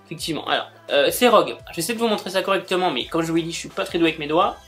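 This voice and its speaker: A man's voice: a little high, animated, very fast, fairly bright tone, faint music behind. Gushing man unboxing on a vlog. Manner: gushing, exclamatory, chatty with fillers. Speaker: book and manga YouTuber. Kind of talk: casual unboxing chat.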